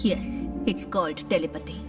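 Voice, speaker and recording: An actress playing a grieving mother haunted by her dead children, speaking calmly and cryptically in a film. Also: low voice, very slow, music in the background. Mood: cryptic. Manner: calm, cryptic, intense. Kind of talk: film dialogue. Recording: distant mic under film score.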